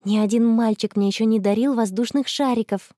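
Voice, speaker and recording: A woman's voice: fairly high pitch, fairly even intonation, a little fast, dark tone, no echo, clean studio sound, lightly acted. Anna: a woman reading a gushing teenage girl. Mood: cheerful. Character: cheerful teenage girl in love, dreamy.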